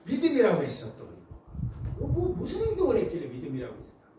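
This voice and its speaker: A male pastor delivers a sermon in a high, lively voice, telling stories animatedly and acting out the people in them. He is heard from a distance in an echoey church hall, with faint noise underneath. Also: fast. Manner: animated storytelling, acts out voices.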